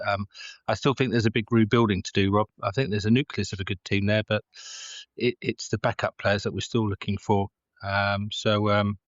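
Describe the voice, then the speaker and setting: A low-voiced man talks casually as a podcast co-host, sitting outside in his back garden. The sound is close and dry, with a slightly dull, lo-fi edge. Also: no room sound. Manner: speaking casually outdoors from the garden. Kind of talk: casual sports chat. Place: outdoors in a home garden.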